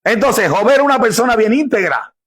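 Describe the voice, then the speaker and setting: A man's voice: very high voice, expressive, fairly quick, a bit bright, slightly rough. A man preaching a sermon, emphatic and conversational, often restarting and repeating his words.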